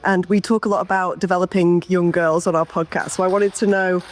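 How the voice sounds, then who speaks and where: A woman's voice: lowish voice, fairly even intonation, fairly quick, a little hiss or hum. A woman hosting a podcast, asking players questions in an upbeat way and laughing easily. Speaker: podcast host. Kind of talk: interview questions and podcast outro.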